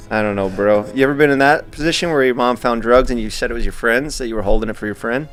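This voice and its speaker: A man's voice: mid-range voice, fast talker, fairly bright tone, faint music behind. A man hosting a podcast in casual chat, telling stories in a blunt, laid-back way with some swearing. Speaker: podcast host.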